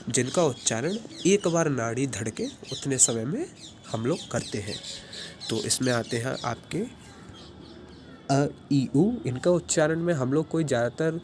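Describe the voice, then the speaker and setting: A man's voice: medium pitch, background noise. Man teaching pronunciation patiently, sounding out letters. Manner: patient, demonstrates sounds aloud. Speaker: Sanskrit teacher. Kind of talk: explanatory pronunciation lesson.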